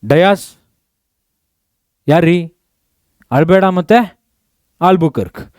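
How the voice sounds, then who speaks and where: A male teacher giving an exam revision lesson, quizzing students with quick questions and mixing in English terms. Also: sits high, a little mellow, no room sound, studio quality. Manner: mixes English terms into speech.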